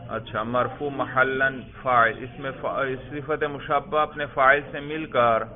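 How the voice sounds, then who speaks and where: Through narrow, phone-like audio, a man's steady, mid-range voice leads an Arabic grammar class. He puts questions to the students and has them drill their answers.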